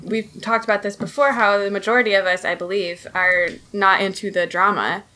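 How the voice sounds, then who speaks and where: A woman's voice: mid-range voice, fairly even intonation, fairly quick, a loud crowd, rough recording. A woman on a casual podcast panel, easygoing and agreeable. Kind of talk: casual chat.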